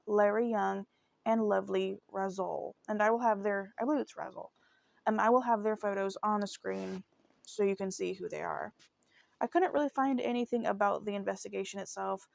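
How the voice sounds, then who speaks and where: A woman with a mid-range, slightly dark voice and some vocal fry hosts a true crime show, recounting a case in a loose, chatty, conversational manner. The recording is dry.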